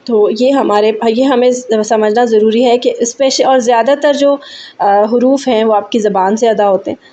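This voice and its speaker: A woman's voice: a little high, steady tone, dark tone. A woman explaining a recitation lesson step by step, with hesitant fillers. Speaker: recitation teacher. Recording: dull, muffled lo-fi audio.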